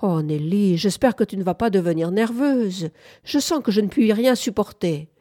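Woman reading as a fretful nervous young woman, whining, higher and louder than the narration, storybook. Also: animated, normal speed, dry recording, clean studio sound, lightly acted. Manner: plaintive, whining.

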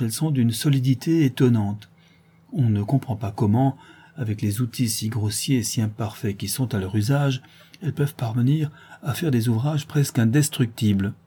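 A man reads an old travel account aloud in a measured, formal narration. His voice is dark and mellow, with a husky edge. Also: mid-range voice. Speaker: audiobook narrator.

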